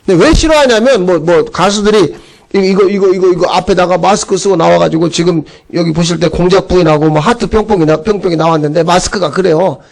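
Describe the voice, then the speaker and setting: A middle-aged male pastor giving a conversational sermon, chatty and animated, acting out voices as he goes. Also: high voice, fairly quick, vocal fry.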